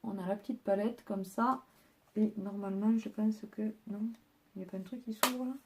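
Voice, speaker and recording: Woman, casual haul vlog, chatty, mid-range pitch, at home, talks viewers through items. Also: steady tone, moderate pace, background noise. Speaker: haul vlogger. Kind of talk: casual chat, showing purchases to camera.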